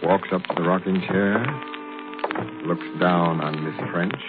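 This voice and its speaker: Slow, low vintage horror narrator. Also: male voice, steady tone. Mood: ominous suspense. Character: ominous male storyteller of a murder mystery. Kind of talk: vintage horror narrator, scripted radio drama. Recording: phone-like old radio, loud music.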